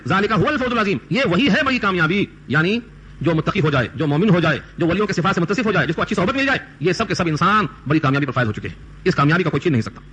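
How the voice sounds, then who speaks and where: A man giving a Quran commentary lecture, reciting Arabic verses slowly and then explaining them with rhetorical questions. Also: high voice, pushed and bright. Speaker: Quran teacher. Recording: dull lo-fi recording with faint noise.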